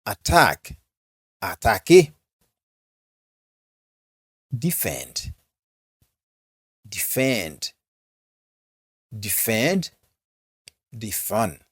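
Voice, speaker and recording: Haitian man, English teacher, very slow repetitive drill, lively intonation, dry close sound. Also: on the low side, husky, no room sound. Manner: repeats each word several times, then translates.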